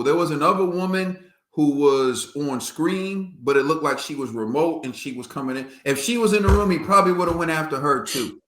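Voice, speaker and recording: Male podcast co-host, bright forceful voice, roomy echo, emphatic casual boxing talk. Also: a little high. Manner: emphatic, animated, laughs often.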